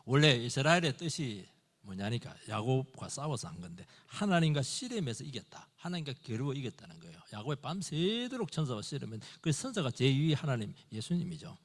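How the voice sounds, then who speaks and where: Animated preaching man, echoing church. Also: mid-range voice, fairly quick. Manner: animated preaching, acting out dialogue in short bursts. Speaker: pastor. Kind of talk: Sunday morning sermon. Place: church sanctuary. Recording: long hall reverb in a church.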